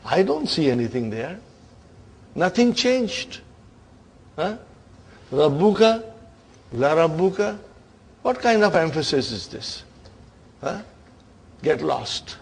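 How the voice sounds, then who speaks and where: A bossy little grammar word, a she who scoffs and fires challenging questions at a rival, as a male teacher puts her on. Her voice sits a touch high and the delivery is unhurried, like a storybook skit inside a lesson. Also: very animated, creaky, slightly rough, exaggerated voice. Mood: scoffing.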